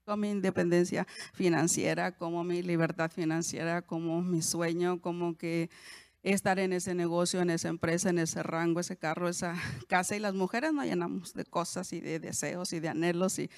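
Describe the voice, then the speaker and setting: A woman's voice: lowish voice, a little mellow, dry recording, studio quality. A woman, hosting a podcast and teaching the Bible to women in a conversational way, often asking her listeners questions and correcting herself as she goes.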